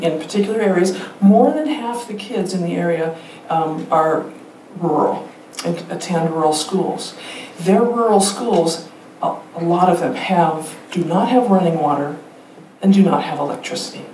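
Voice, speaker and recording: A woman speaks from a theater stage, lively and emphatic. She asks the crowd rhetorical questions and slips in light laughter. Her voice sounds far from the mic and rings around a large roomy hall, with a faint hum underneath. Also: on the low side. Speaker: teacher educator giving a public talk. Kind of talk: staged public talk with slides.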